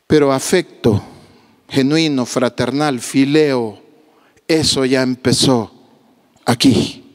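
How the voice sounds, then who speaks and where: A man with a Guatemalan accent preaches a sermon in a high-pitched voice, taking his time over every phrase. He shifts from quiet, confiding stretches to raised exclamations, and he gives the people in his stories voices of their own. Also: long reverb tail. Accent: Guatemalan Spanish. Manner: emphatic preaching, swings from low confiding tones to raised exclamations; acts out quoted voices of the people he tells about. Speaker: pastor.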